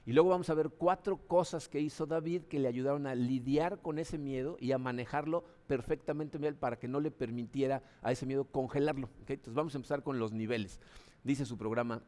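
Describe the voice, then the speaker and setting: A man's voice: normal speed, warm tone. A man, a Mexican pastor, preaching a sermon in a conversational way, often tagging his sentences with a questioning "no?". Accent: Mexican Spanish. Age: adult, father of children. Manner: conversational preaching, frequent "¿no?" tags; acts out voices with sudden high pitch jumps.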